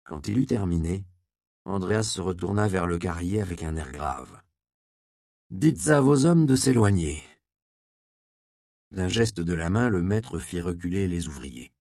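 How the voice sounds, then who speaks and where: A man reading a historical novel aloud as an audiobook narrator, with measured storytelling. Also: low voice, vocal fry, darkish tone, no echo, studio quality. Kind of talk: scripted narration.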